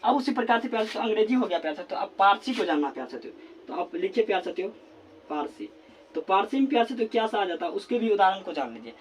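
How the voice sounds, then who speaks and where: High-voiced man teaching grammar slowly. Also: very animated, slight background noise. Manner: repeats words slowly while writing, constant filler phrase. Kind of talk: classroom grammar lesson at a board. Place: classroom with a board.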